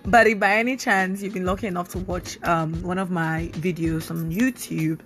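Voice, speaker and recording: Woman, 30s, solo podcast host; casual and animated, lower voice, faint music underneath. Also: moderate pace. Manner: chatty, animated, with many fillers.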